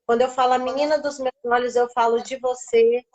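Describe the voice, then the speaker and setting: A woman's voice: a little high, flat delivery, fairly quick, darkish tone, dull audio. A woman with a Brazilian Portuguese accent, a guest on a live stream, telling a personal faith story and acting out the voices she quotes.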